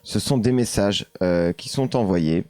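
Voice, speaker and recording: A man's voice: on the low side, measured pace, warm tone, no room sound. A man with a French accent hosting a casual live stream, hesitant with many fillers, reading chat comments aloud and answering them.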